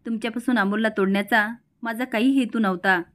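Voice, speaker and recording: A woman's voice: on the high side, steady tone, fairly quick, natural voice. A woman voicing a hurt young wife who pleads in a wounded tone, in a serial recap. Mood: pleading.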